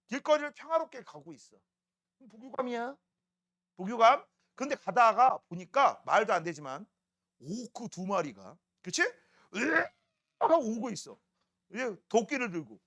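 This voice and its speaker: A man from South Korea teaches a middle school science class, joking, teasing students and constantly asking whether they follow. His voice is very high-pitched and bright, with a forceful tone.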